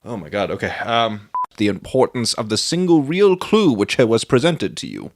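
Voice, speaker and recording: A man's voice: mid-range voice, normal speed. A man reading a book aloud for a podcast, laughing at his own mistakes and chatting between takes. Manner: laughs at own flubs, animated. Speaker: podcast co-host and reader.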